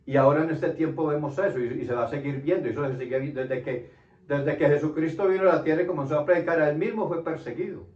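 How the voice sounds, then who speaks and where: A man preaches an earnest Bible study sermon in a fast, rather high, darkish voice, often repeating phrases and checking in with listeners by asking "¿cierto?". The recording sounds roomy, distant, dull, and lo-fi.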